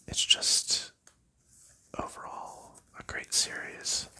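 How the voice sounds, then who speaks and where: An ASMR creator, a man, whispers in a very bright, airy tone while sorting board game pieces. His unhurried chat rambles along, sprinkled with small fillers and soft laughs.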